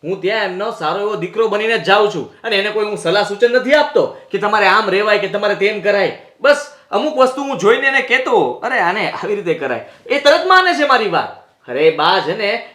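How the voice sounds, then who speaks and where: A man plays a husband caught in a row with his wife, keeping up his excuses and snapping at her. His voice sits high and rings with the echo of a roomy space. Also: exaggerated voice. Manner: pleading then shouting in anger. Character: defensive husband, quick to anger. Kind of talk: Gujarati short-film family drama acting.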